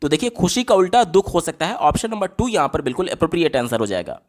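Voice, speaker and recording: A man's voice: on the high side, sing-song, quick pace. A man explaining exam questions step by step as a teacher, often asking a question aloud and then answering it himself. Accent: Hindi. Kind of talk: explaining lesson on screen.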